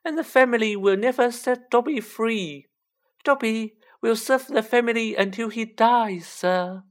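A woman voicing a small male house elf, high-pitched and squeaky, servile and overwrought, in an audiobook. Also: a little slow, lightly acted. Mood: anguished, resigned. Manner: deferential, overwrought, speaks of himself in third person.

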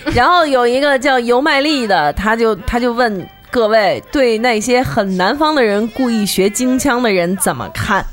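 A woman's voice: a little high, moderate pace, hardly any pauses. A woman co-hosting a casual, comedic group chat. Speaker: talk show co-host. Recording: music under the talk.

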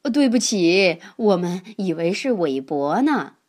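Storybook elephant heroine, kind and teasing, lively rising tone, unhurried; a woman reads her. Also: on the low side. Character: kind checkered female elephant, playful leader.

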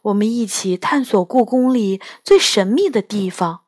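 Lively woman reading a storybook. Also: mid-range voice, moderate pace, dry recording, studio quality. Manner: expressive, lively delivery.

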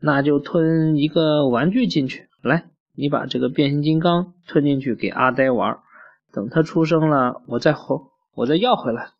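A man's voice: fairly high pitch, moderate pace. A man voicing an eager little boy in a storybook who keeps coming up with schemes. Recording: muffled lo-fi recording.

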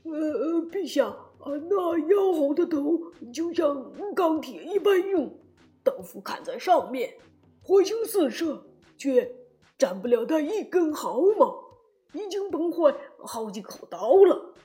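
A woman's voice: sits high, sing-song, slow pace, dark tone, soft background music, heavily acted. A woman voicing a flustered male executioner who stammers out a nervous report to his emperor in a storybook reading.

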